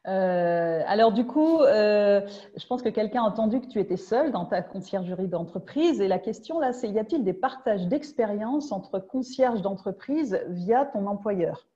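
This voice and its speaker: A woman moderator on a webinar, heard through a dull lo-fi call. She reads out the audience's questions to her guest with short acknowledgements. Her tone is mid-pitched and mellow. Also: expressive, normal speed.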